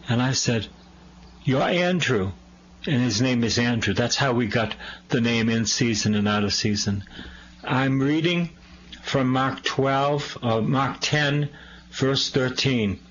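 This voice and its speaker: Slow fervent priest on lo-fi radio. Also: male voice, medium pitch, fairly bright tone, slight background noise. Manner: slow, fervent, repeats phrases. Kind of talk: radio Bible teaching.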